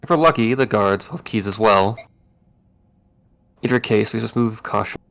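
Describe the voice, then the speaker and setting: A man's voice: lowish voice, a little fast, vocal fry, fairly bright tone. A man voicing a cautious, haughty tactician with formal, precise wording in a game read-aloud. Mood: cool.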